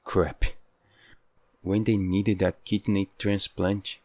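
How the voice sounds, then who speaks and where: Guy doing a lovesick yandere hothead, low gravelly voice, slow and possessive, audio roleplay. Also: level tone, darkish tone, no room sound. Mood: brooding devotion. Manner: yandere, intense pleading devotion. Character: obsessive, hot-headed yandere man, lovesick and possessive. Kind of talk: dramatic audio role-play.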